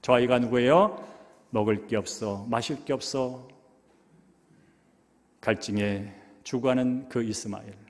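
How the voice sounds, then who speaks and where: Male pastor, mid-pitched, emotive sermon delivery, long reverb of a church sanctuary. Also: unhurried, long pauses. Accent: Korean. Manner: emotive, swings from hushed to loud.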